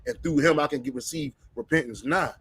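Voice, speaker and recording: A man's voice: mid-range voice, brisk, slightly rough, dry recording. A man speaking with preachy conviction in a religious discussion, often repeating words as he starts phrases.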